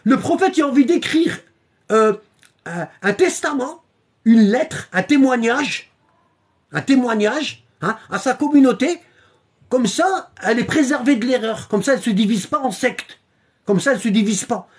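A religious teacher with a medium-pitched, expressive, slightly rough voice gives a live-streamed lecture at normal speed. He repeats points emphatically, constantly checks in with the audience using "hein?", and reads and shows passages aloud from a book.

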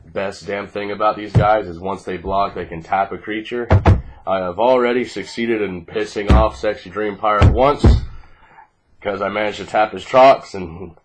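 This man, in his twenties, has a lowish voice with fairly even intonation and normal speed, sounding groggy and congested as he fights off a cold. He casually presents his card deck, swearing in a laid-back way. The noisy home webcam recording, with clicks, comes from a small living room.

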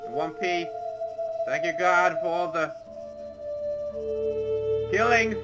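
Man playing a high-voiced crude excitable soldier. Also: slow pace, over loud music. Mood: halting, earnest. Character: crude, excitable male soldier, adopted brother-in-arms. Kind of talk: improvised comic military game role-play.

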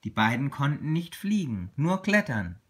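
A man reading a children's story aloud in an expressive, unhurried way. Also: medium pitch, husky. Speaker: reader.

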